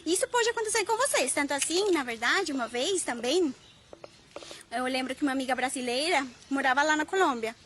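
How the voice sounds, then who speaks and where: A woman's voice: sits high, lively intonation, fairly quick, fairly bright tone, slight background noise. A woman from Colombia whose first language is Spanish, a Spanish teacher and researcher in her thirties, chatting to camera and telling stories with quoted dialogue. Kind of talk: casual vlog talk to camera.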